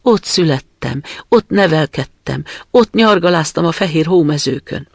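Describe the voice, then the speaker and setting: A man voicing a gentle, homesick reindeer who speaks in a wistful, sighing way, in a storybook reading. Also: fairly high pitch, animated, creaky, no room sound, voice pushed up.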